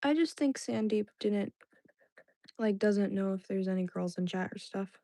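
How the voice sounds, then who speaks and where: A young livestream host, originally an Indonesian speaker, chats casually with her live chat viewers, rambling along with lots of "like"s, fillers and restarts. Her voice is medium-pitched, gravelly and dark, at a normal speed. The recording is dry and studio quality.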